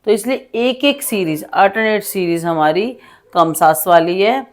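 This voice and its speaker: Slow, patient woman teaching grammar. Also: medium pitch. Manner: slow, patient explaining with frequent "ठीक है" checks; mixes English words into Hindi. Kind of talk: Hindi grammar lesson, writing on a board.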